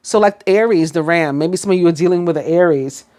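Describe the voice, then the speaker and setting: A woman with a New York accent reads tarot cards in a loose, chatty way, often pausing on fillers and restarting her sentences. Her voice sits a little low for a woman. She talks straight to her viewers as she goes. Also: dark tone. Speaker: tarot reader. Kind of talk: casual tarot reading.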